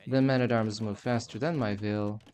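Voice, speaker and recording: Man, lowish voice, sarcastic, complaining, live gameplay stream. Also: steady tone, normal speed, darkish tone.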